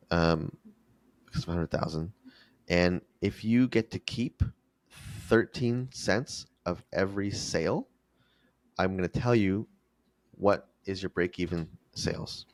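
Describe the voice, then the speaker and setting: A man with a deep voice, a finance expert guest working as a fractional CFO, explains financial figures step by step in a didactic interview style. He speaks unhurriedly with long pauses, and there's no echo.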